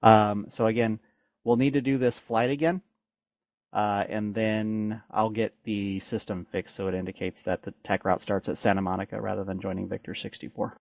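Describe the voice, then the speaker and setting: Lowish guy doing air traffic control, procedural radio talk, muffled lofi sound. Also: level tone, moderate pace, gravelly, no room sound. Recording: dull lo-fi radio audio.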